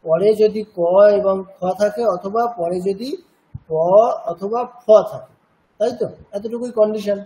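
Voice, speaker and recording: In a cultural centre classroom, the rough recording catches his high, dark voice as he leads Sanskrit chanting. Patient throughout, he lays out pronunciation rules, checks understanding with question after question, and chants syllables slowly as examples.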